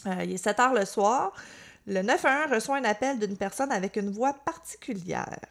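Chatty Québécoise podcast host. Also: female voice, mid-range voice, normal speed, gravelly. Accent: Quebec French. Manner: animated, chatty, with many fillers. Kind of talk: casual storytelling chat.

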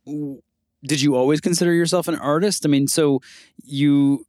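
A man's voice: on the high side, fairly even intonation, a little mellow, no room sound. Hesitant male podcast host, dry sound. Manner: halting, many fillers and restarts. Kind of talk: casual interview chat with scripted intro.

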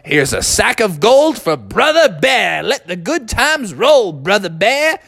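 Man as jolly, animated Santa Claus. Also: high-pitched, slow pace, creaky, heavily acted.

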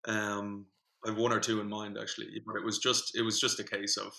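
A young man telling a story in a casual podcast chat, rambling and animated, with many fillers and restarts. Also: lowish voice, brisk, creaky, poor audio. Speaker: podcast co-host, singing group organiser.

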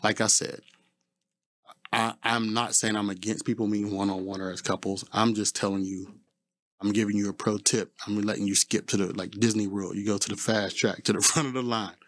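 A man's voice: fairly low pitch, steady tone, brisk, fairly bright tone. A man talking as a podcast guest, giving blunt, profane advice in casual chat.

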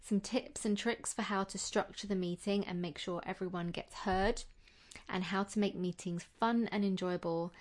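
A middle-aged woman presents an upbeat, tidy advice vlog with a medium-pitched voice. She is chatty and reassuring, and she lays out her tips in an organised, step-by-step way like an experienced teacher. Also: fairly even intonation, normal speed. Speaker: teacher giving advice as host.

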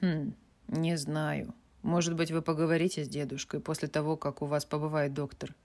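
A kind young man speaks calmly and reassuringly in a fairly low, plain voice, as a woman narrator reads him. It is an audiobook character. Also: moderate pace. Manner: calm, reassuring.

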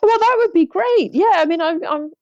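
A woman's voice: extremely high pitch, animated, moderate pace, darkish tone, dry recording, dull audio. A woman drummer in her thirties chatting in an interview, laughing often and restarting her sentences. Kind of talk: casual interview chat.

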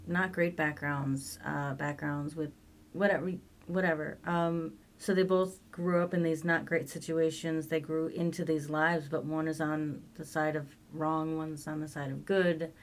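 A woman's voice: sits low, level tone, unhurried. A woman co-hosting a casual podcast, chatting about a movie and acting out lines from it. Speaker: podcast co-host. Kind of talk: casual chat.

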